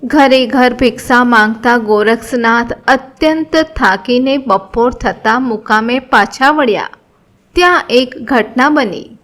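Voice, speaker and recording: A woman with a Gujarati accent reading a devotional scripture story in an even, measured way. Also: fairly high pitch. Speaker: narrator.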